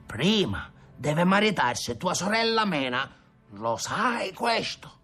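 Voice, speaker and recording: A man voicing a stern old grandfather in a storybook reading, speaking slowly and scolding. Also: medium pitch, bright, forceful tone, faint music behind. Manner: slow, scolding.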